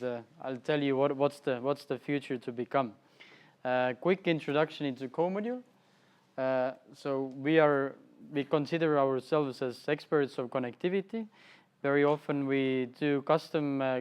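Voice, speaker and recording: Estonian-accented man giving a halting presentation. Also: medium pitch, a little mellow, clear, resonant tone. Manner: halting, many fillers and restarts. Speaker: conference presenter. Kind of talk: conference presentation. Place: festival presentation hall.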